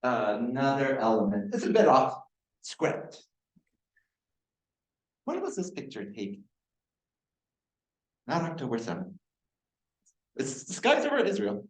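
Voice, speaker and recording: Animated male lecturer in an echoey hall. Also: mid-range voice, a little slow, pauses often. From Iraq. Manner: animated, rhetorical questions to audience. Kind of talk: university lecture.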